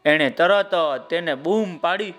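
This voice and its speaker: Slow, high-voiced storyteller man. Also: fairly bright tone, faint music behind. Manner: addresses child listeners directly, drawn-out sing-song phrases. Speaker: children's storyteller. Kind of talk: children's story narration.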